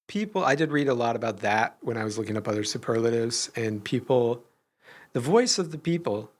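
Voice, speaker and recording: A man co-hosting a podcast, chatting casually, hesitant with many restarts and laughs. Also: mid-range voice. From Iowa. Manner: hesitant, restarts often, laughs while talking. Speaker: podcast co-host. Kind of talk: casual chat.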